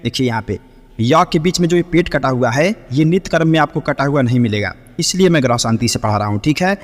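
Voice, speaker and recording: A man teaching Vedic chanting, who explains pronunciation in quick bursts and then chants Sanskrit mantras slowly and melodically. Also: medium pitch, animated, in a large hall. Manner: checks in often with short affirmations.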